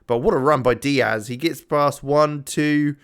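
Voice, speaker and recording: A man's voice: a little high, a little slow, smooth. A man casually commentating his own game, thinking aloud with lots of ums, tired and yawning. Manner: rambling, self-chatting, thinks aloud with many ums. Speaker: gaming YouTuber. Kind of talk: casual let's-play commentary.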